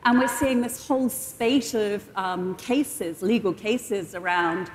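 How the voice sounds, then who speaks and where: A woman's voice: mid-range voice, slow pace, a little hiss or hum. Woman echoing through a large hall. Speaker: guest expert on AI ethics. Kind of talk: on-stage interview, advisory explanation. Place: large indoor conference stage. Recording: echoey hall with long reverb.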